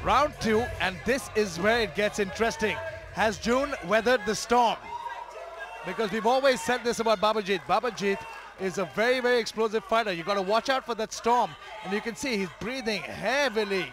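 A man doing live fight commentary, excitable and full of exclamations. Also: high voice, moderate pace, music in the background.

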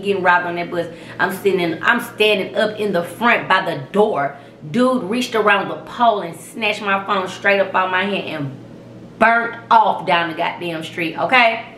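A young woman hosting her own vlog, telling a story in a profane, emphatic, animated way. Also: mid-range voice, roomy sound, a little hiss or hum. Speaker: vlog host. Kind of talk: casual storytelling rant.

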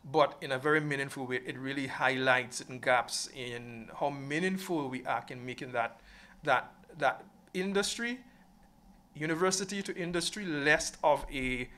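A man speaking as a panelist in an academic discussion over a video call, hesitant and filling pauses with "um". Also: mid-range voice, sharp tone. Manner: hesitant, many fillers.

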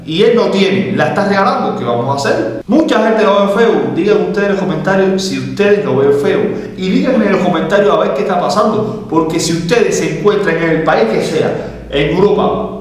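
A man in his thirties with a Cuban Spanish accent, hosting a casual meme commentary to camera, animated, gesturing and mocking. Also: high voice, moderate pace. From Cuba. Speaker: host of a meme commentary channel. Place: small indoor room with neon lights. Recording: very echoey small room.

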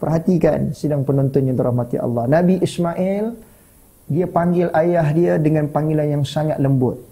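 Animated Malaysian Malay preacher man. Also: a little high, vocal fry, slightly rough, rough recording. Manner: animated, slows to stress Arabic words, asks the audience questions. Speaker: religious teacher. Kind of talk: sermon lecture.

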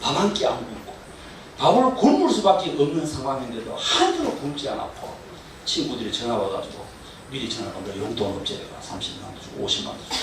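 An older man gives a church testimony, earnest and often chuckling. His pitch rises and falls widely as he tells his story. He is heard from a distance in a very echoey hall, with steady noise behind him. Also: fast. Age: 60s. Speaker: deacon giving a testimony.

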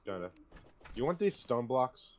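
A man co-hosting a casual gaming session, swearing freely and snapping into loud, exasperated rants. His pitch swings widely between low grumbles and high shouts. A faint hiss sits under the recording. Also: big pitch swings, unhurried. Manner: swears a lot, flares into loud frustrated outbursts. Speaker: gamer co-host.

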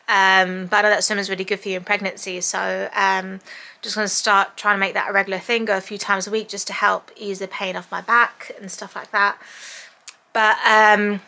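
A woman's voice: mid-range voice, bright, forceful tone, no room sound. A woman in her thirties, talking casually and frankly to camera as a vlogger, rambling with lots of "like" and "um". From United Kingdom. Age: 30s. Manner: rambling, filled with likes and ums; frank, confiding.

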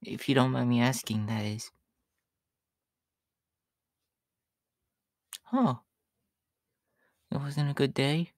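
A man voicing a shy, gentle young catboy in a soft, hesitant ASMR role-play for an audio story. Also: medium pitch, a little slow, vocal fry, no room sound, studio quality. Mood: shy, caring. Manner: hesitant, bashful, soft-spoken with nervous giggles.

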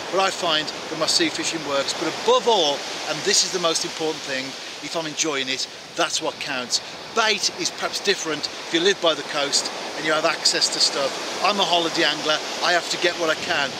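A man in his forties vlogging outdoors on a beach, talking to the camera in a chatty way with rhetorical asides to the viewer. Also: fairly high pitch. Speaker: angling vlogger. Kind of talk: casual to-camera vlog. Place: outdoors on a beach and sea rocks. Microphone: handheld camera close to face. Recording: outdoor recording with loud surf noise. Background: surf and waves.

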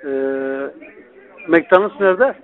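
A man with a somewhat high voice speaks over a narrow, tinny telephone line. He is informal and blunt, with coarse, familiar phrasing. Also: very slow. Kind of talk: informal phone conversation.

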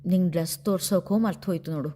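A woman's voice: lowish voice, very fast, mellow, slight background noise, lightly acted. A woman voicing a cheerful, chatty young female college student, bubbly and eager.

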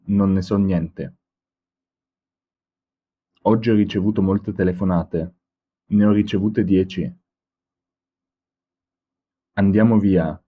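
Slow, husky low-voiced man. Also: phone-quality sound. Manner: slow, deliberate, carefully spaced. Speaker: language teacher reading examples. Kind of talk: slow read-aloud example sentences.

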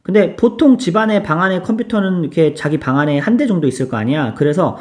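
A man teaching English grammar in a casual, chatty lecture, switching between relaxed and polite speech and asking students to repeat examples. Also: sits high, quick pace.

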